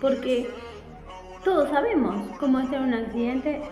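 An animated woman in her forties with an Argentine Spanish accent talks straight to her webcam, chatting as if to friends. Her voice sits a little on the high side. The room is echoey, and soft music plays faintly behind her. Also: normal speed. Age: 40s. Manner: animated, chatty, gestures a lot with her hands. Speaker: vlogger. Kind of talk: casual storytelling to camera. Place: small room at home by a window, indoors.

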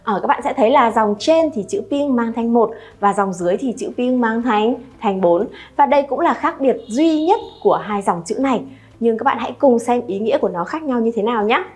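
A woman in her thirties from Vietnam teaching a Chinese pronunciation lesson, speaking directly to learners and demonstrating tones with drawn-out vowel sounds. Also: on the high side, expressive.

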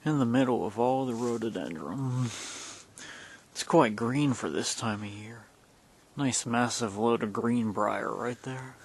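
Holding his own camera on a wooded outdoor trail, a vlogger offers casual commentary as he films. His mid-range voice moves at a measured pace, with a little hiss or hum present.

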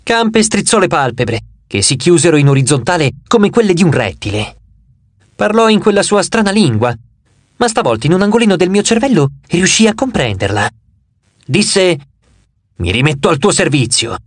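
A man narrating an audiobook with an expressive, animated delivery, his pitch rising and falling freely and sitting a little high. The sound is close and dry, with no room around it. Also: moderate pace, no echo. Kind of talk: scripted narration.

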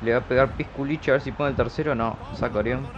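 A man's voice: medium pitch, steady tone, fast. A man with an Argentine accent giving casual, colloquial football commentary on a video game he is playing, cheering on his players. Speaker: YouTube gamer commentating his own match. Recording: dull lo-fi audio with loud noise.

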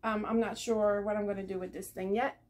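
A woman's voice: medium pitch, flat delivery, fairly quick, darkish tone. A middle-aged woman chatting to the camera at home about her thrift and yard sale finds, rambling with many fillers. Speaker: vlogger showing a thrift haul. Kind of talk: casual chat to camera. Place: living room at home, indoors. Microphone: camera on a table nearby.

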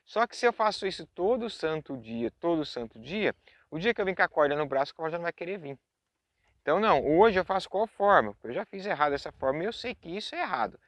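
A Brazilian horse trainer teaches horse handling out in a pasture, chatting directly to viewers and tossing in lots of tag questions. His Brazilian Portuguese-accented voice is on the high side, sing-song, slightly bright, and fast, recorded with no echo.

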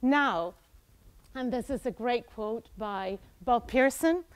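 A woman's voice: fairly high pitch, slow, clean tone, no room sound. A woman in her forties from Italy giving a conference presentation, talking with frequent fillers and restarts, on a lapel mic in a conference room. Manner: animated, many fillers and restarts. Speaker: conference speaker.

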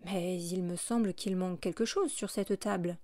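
A woman reading a kind, gentle older male bishop who speaks softly and calmly in an audiobook. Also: on the low side, normal speed, dry recording, studio quality, natural voice. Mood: gentle, welcoming.

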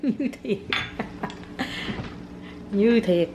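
A woman's voice: medium pitch, extremely slow. A woman, a mother playfully teasing and exclaiming while she films her child at home. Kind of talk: casual home vlog. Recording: noisy home phone recording.

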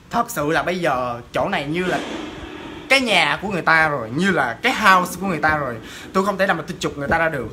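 A woman voicing a fearful middle-aged male ritual master who speaks low and cautious. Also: bright, forceful tone, a little hiss or hum.

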